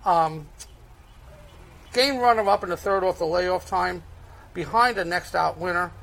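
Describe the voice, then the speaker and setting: A man with a Brooklyn accent works through race picks in a conversational way. His voice sits high for a man and has a strong, gravelly creak. He sounds like a handicapper explaining his reasoning. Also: unhurried, fairly bright tone, a little hiss or hum, rough recording. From Brooklyn, United States. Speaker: horse racing handicapper.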